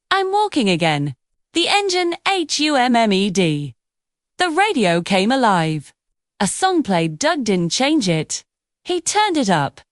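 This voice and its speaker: A woman narrating a reflective story in a slow, soothing manner. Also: on the high side, no echo, clean studio sound.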